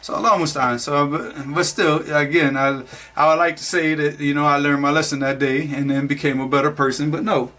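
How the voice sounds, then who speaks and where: A man from Florida recounts his past in an easygoing, rambling storyteller's voice. His tone sits a little high and comes across bright and forceful, with plenty of fillers and self-corrections. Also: level tone, fairly quick. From Florida, USA. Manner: rambling, many fillers and restarts, laughs at himself. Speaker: narrator of his own life story. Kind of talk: casual spoken storytelling.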